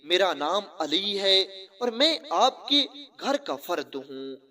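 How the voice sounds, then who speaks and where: A man voicing a dignified elder male companion who speaks in a solemn, measured way in a spoken religious story. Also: high-pitched, sing-song, sharp tone, exaggerated voice.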